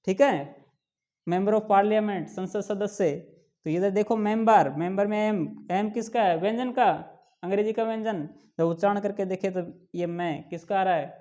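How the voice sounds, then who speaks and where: A man teaching a lesson, asking his students questions and answering them himself, and slowly drawing out each example word. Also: sits high, mellow. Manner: drawn-out slow pronunciation of examples. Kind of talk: classroom lesson explaining English grammar.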